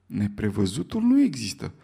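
A man voicing a calm, precise English gentleman who speaks in a cool, clipped, unflappable way in an audiobook reading. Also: fairly low pitch, vocal fry, slightly rough, full character voice. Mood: composed.

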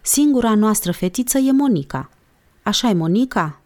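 A woman's voice: medium pitch, expressive, a little mellow, pitched above the performer's own voice, lightly acted. A woman reading an audiobook, voicing a cheerful, teasing father. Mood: jovial. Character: jovial, joking father.

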